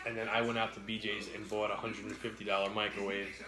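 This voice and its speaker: A man chatting casually as he co-hosts an eating show, with halting, repeated words and some mild swearing. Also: lowish voice, level tone. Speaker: mukbang co-host. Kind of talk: casual chat while eating, answering viewers. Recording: roomy, echoey indoor sound.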